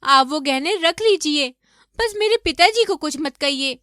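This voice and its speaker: A gentle, downtrodden young wife in a cartoon story, voiced by a woman, pleading softly and giving in. Her voice is very high and sounds dry and close. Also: expressive, a little slow, no echo. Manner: pleading, submissive. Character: meek poor young daughter-in-law. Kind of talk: animated story voice acting.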